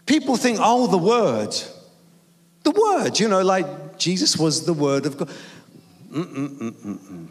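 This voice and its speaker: Man, Greek first language, from London, evangelist sermon, lively pitch, echoing hall. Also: measured pace. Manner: emphatic, jokey, call-and-response with congregation. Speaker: evangelist preacher. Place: church hall.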